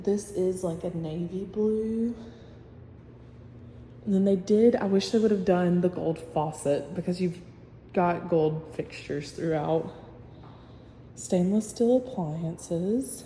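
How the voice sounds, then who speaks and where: Walking through an empty, newly built house indoors, a female agent casually shows each room in a talkative, practical manner. She has a warm, lowish voice; the recording echoes with long reverb and carries a faint hum.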